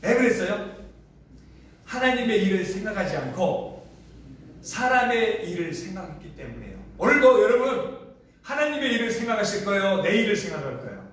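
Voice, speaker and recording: A man's voice: high-pitched, very animated, moderate pace, a bit bright. A man preaching a sermon to his congregation as pastor, asking them questions and acting out quoted lines. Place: large echoey hall used for a church service. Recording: very echoey room, voice from far off the mic.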